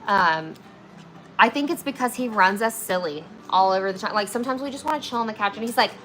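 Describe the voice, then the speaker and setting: This chatty livestreamer, a flower preservation artist in her 20s, talks quickly in a medium-pitched, slightly bright voice with lively intonation. She works while reading viewer comments, filling her speech with "like" and "okay?", and the low-quality audio carries a little hiss or hum.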